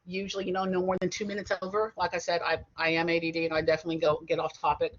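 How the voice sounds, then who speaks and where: A woman's voice: lowish voice, completely flat delivery, very fast. A middle-aged woman teaching an online college class in a chatty, digressive way, with frequent asides and self-corrections. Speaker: college instructor. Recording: dull lo-fi video-call audio.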